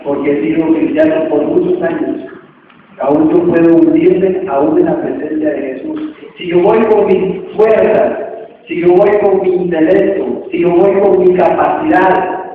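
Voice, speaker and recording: A man's voice: high voice, slight background noise. A man preaching a sermon in a large church hall, emphatic with a sing-song cadence, on a tinny, echoey recording taken from far off.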